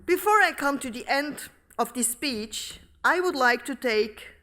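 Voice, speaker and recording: A middle-aged woman from Switzerland, giving a formal academic lecture at a podium microphone in a large hall, reading in a measured, deliberate way. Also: sits high, expressive, pushed and bright. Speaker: professor giving inaugural lecture.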